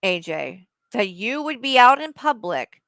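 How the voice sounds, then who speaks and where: A woman's voice: a little high, sing-song, measured pace, a bit bright, clean tone, no room sound. A woman streamer giving heated live commentary, blunt and profane, talking straight at the person she criticizes. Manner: blunt, profane, addresses someone directly.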